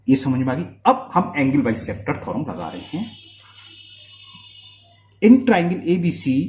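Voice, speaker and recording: A man's voice: a little high, dark tone, echoey room. A man teaching a school maths lesson at the board, often stopping to ask if students follow. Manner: checks understanding often with quick questions.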